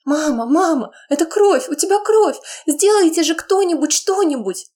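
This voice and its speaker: A woman's voice: lively intonation, moderate pace, darkish tone. A woman voicing a terrified young daughter who screams and sobs in panic. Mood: panicked. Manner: shrill, sobbing screams.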